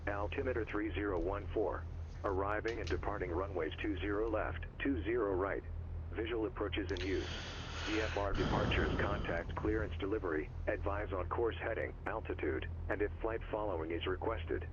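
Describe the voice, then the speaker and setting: A low male voice reads out an airport weather broadcast in flat, clipped aviation terms. It comes through a dull, lo-fi radio channel. A clear hiss of noise sits under it. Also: moderate pace. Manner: monotone, clipped aviation phrasing. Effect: airport weather broadcast over radio. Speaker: automated airport information broadcast. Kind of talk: recorded ATIS readout.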